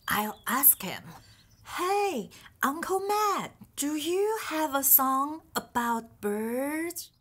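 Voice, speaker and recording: Cheerful curious beaver boy, voiced by a woman, children's puppet show, high voice, slow gentle chat to the viewer. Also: animated, full character voice. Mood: friendly. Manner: gentle, chatty, talks straight to the viewer.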